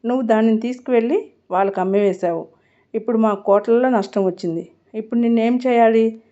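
A ruthless male mafia boss, as a woman narrator reads him, cold and threatening in a storybook reading. The tone is dark and mellow. The recording is dull and lo-fi. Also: brisk, natural voice. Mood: menacing. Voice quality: deep bass voice. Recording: muffled lo-fi recording.

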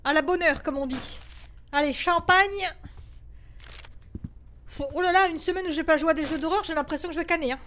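A woman's voice: high voice, rapid-fire, few pauses, fairly bright tone, slight background noise. A woman giving horror game commentary, jumpy, yelping and swearing when startled and talking to herself in nervous bursts. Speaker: gaming video creator.

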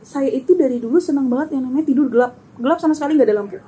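A young woman casually telling a personal story, acting out the shouts and screams she remembers. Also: sits high, very fast, very noisy. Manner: animated, acts out her own shouts and screams; casual slangy speech. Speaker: guest telling her experience.

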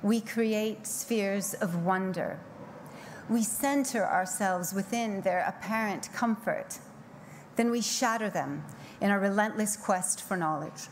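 A middle-aged woman speaks from a podium microphone on a large conference stage, reading a scripted keynote in a mid-range voice. Her delivery is measured and poetic, slowing down to lean on key phrases. A faint hiss of background noise sits under the recording. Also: mid-range voice. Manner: measured, poetic delivery with slow emphatic pauses.

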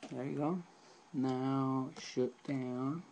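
In this poor-quality recording, with a little hiss or hum, a man explains a casual laptop how-to at an indoor desk, filming the screen on a handheld camera and spelling commands letter by letter. His voice is medium-pitched, creaky and darkish, with little pitch movement and an extremely slow pace.

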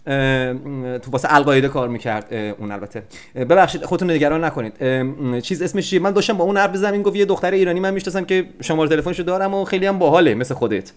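A man with a slightly high voice plays out a comic prank call. He rambles, stumbles over his words and keeps up a mock-polite manner. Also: few pauses, smooth. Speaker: prank caller. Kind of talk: improvised comic phone prank.

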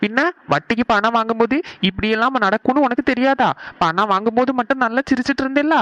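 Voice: medium pitch, quick pace, fairly bright tone, no room sound, dull audio, lightly acted. A voice actor playing a stern male village moneylender, blunt and demanding. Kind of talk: cartoon voice acting.

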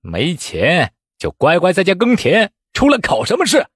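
A man voicing a greedy, cowardly male exam official who mocks candidates with a shrill, sneering voice. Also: sing-song, normal speed, no room sound, clean studio sound. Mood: bullying. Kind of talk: storytelling voice acting.

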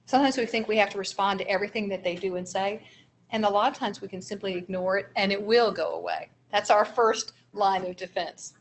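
A woman giving a seminar presentation on child behavior, acting out short teacher examples in a lively way. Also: medium pitch, fairly quick, a little hiss or hum. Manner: animated, acts out teacher examples. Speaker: early childhood trainer.

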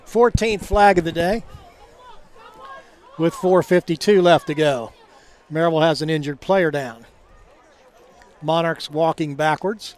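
A man doing live football play-by-play commentary in a halting, conversational way. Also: a little high. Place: outdoor college football game. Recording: crowd noise behind, outdoor stadium. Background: game crowd.

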